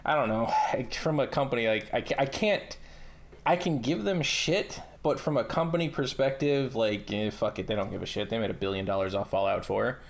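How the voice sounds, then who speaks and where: A man's voice: mid-range voice, creaky. A man hosting a casual interview, talking bluntly with frequent swearing. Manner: blunt and profane, quick asides. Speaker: podcast host interviewing a mod author.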